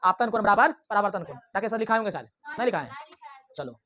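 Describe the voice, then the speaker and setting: A male classroom teacher, teaching physics to his students. He speaks loudly and drills the lesson hard. He keeps firing questions at the class and then answers them himself. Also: sits high, animated, quick pace.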